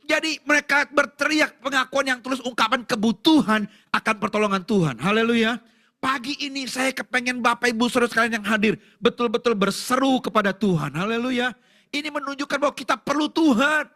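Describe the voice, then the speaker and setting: A male pastor with an Indonesian accent, preaching a sermon at a church service in an animated way, asking the congregation questions and shouting out prayers. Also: very high voice, brisk.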